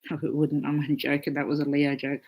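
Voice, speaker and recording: A woman's voice: low voice, completely flat delivery, quick pace, darkish tone. A woman astrologer hosting a casual live stream, chatting freely, swearing often and reading out viewer comments.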